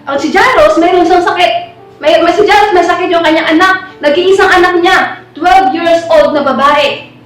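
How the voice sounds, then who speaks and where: A woman preaching a sermon. She often halts and repeats words, and reads scripture slowly. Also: very high-pitched, distant mic. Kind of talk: sermon mixing Tagalog and English. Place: church hall. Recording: very echoey room, from the mic, faint music.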